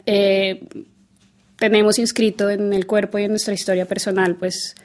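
A woman answers an interview question calmly. Her pitch stays level and steady, and soft fillers fall between her phrases. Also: moderate pace. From Colombia. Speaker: guest artist.

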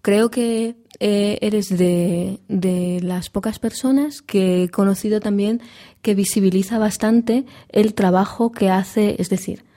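Mellow, flat-voiced woman interviewer. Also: medium pitch, takes it slowly. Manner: thoughtful, winding questions. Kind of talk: casual interview.

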